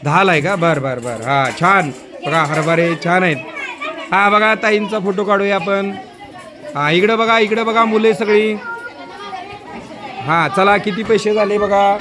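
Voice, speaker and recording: A male school teacher touring an outdoor school market, briskly coaxing children with quick prompts. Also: high-pitched. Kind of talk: walking tour of a school market stall by stall. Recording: noisy crowd of children outdoors.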